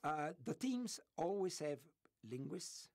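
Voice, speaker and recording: Answering interview questions, a man from Italy who specializes in remote sensing archaeology speaks slowly in a somewhat high, gravelly voice with a darkish tone and lively intonation. His Italian accent comes through as he rambles enthusiastically and keeps laughing.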